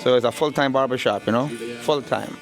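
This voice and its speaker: Soft music drifts behind this middle-aged Guyanese barbershop owner as he's casually interviewed inside his shop. His medium-pitched voice moves fairly quickly, carrying a Guyanese accent. Relaxed in manner, he repeats words and leans heavily on fillers like "you know."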